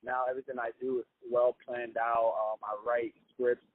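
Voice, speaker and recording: A man's voice: mid-range voice, little pitch movement, normal speed, no echo. A young man from Ghana, a comedian, chatting easily in a casual interview over the phone. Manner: easygoing, upbeat, chatty with fillers. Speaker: comedian guest. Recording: tinny phone-line sound.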